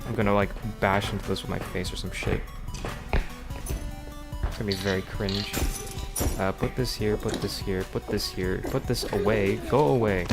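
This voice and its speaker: Loud music sits behind a man livestreaming a video game, his lowish voice steady and moderately paced with frequent pauses. He mutters casual commentary to himself, grumbling in exasperation and swearing.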